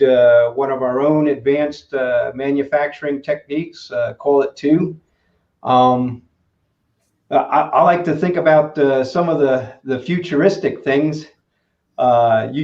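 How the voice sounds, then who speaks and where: Halting man explaining, roomy dull sound. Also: mid-range voice, darkish tone. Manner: halting, many "uh" and "you know" fillers. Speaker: guest expert in materials engineering. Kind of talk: conversational interview answers.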